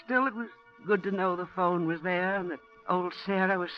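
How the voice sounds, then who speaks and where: In a muffled 1940s radio drama with faint music behind, an actress with a natural, lowish voice at normal speed plays the narrator and lead, a kindly widow and mother of two servicemen. Recalling her ordeal in hushed tones, she sounds genteel and motherly but terrified, growing frantic.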